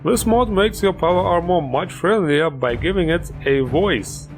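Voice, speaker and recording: Man, game mod showcase host, upbeat, joking, fairly high voice, faint music behind. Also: measured pace.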